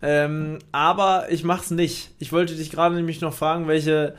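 A man's voice: on the high side, level tone, unhurried, clean tone. A man co-hosting a casual podcast chat, talking loosely with frequent laughs and fillers. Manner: chatty, laughs often, many fillers. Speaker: podcast co-host.

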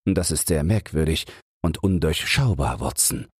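A man reading the part of Sherlock Holmes, a keen analytical detective, in a measured way for a sleep audiobook. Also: extremely low pitch, animated, slightly rough, no room sound, clean studio sound, heavily acted. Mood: reasoning. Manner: measured, reasoning aloud.

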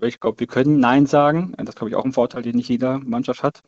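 A man's voice: medium pitch, steady tone, quick pace, darkish tone. A man chatting casually as a podcast guest, hesitant and thinking aloud. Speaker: football fan as podcast guest. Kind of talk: casual chat. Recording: slightly dull, lo-fi sound.

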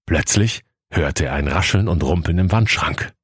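Very deep-voiced male storyteller. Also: moderate pace, husky, dry recording, studio quality. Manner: playful, storytelling, mock-solemn. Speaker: narrator. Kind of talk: comic scripted narration.

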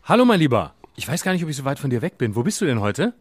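A man's voice: medium pitch, very fast, breathy edge, no room sound, clean studio sound. Man spinning absurd tales. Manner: rambling, deadpan absurd storytelling. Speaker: podcast co-host, comedian. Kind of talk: casual comedic banter.

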